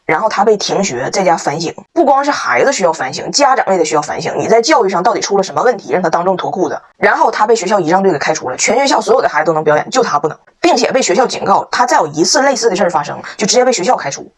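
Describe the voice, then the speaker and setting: Fast, lively woman. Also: mid-range voice. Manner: joking, emphatic. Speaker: vlogger. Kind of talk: casual storytelling monologue.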